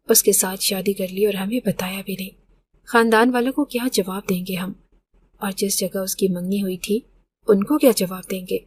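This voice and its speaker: A woman's voice: mid-range voice, darkish tone, slight background noise. A middle-aged woman telling a story in the first person, in an emotional, conversational way.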